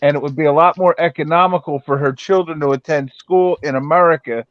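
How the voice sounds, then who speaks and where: A man's voice: on the high side, steady tone, quick pace, no room sound, lo-fi sound. A man in his fifties making his point on a casual live chat, earnest and persistent. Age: 50s.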